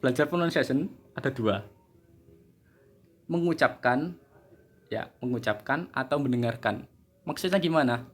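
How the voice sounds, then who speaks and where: Male teacher, relaxed joking classroom delivery, mid pitch. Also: measured pace, long pauses. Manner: chatty, joking, laughs at himself. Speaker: English teacher. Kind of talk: casual video lesson.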